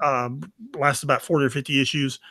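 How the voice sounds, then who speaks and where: A man's voice: medium pitch, fairly even intonation, a little fast, sharp tone, dry recording, studio quality. A man co-hosting a comic book podcast, talking casually and with enthusiasm about back issues. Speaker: podcast co-host.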